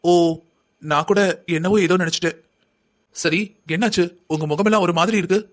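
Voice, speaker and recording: A man's voice: high-pitched, a little fast, lightly acted. A man voicing an upright young husband in a cartoon, stern and scolding. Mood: friendly. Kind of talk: cartoon voice acting.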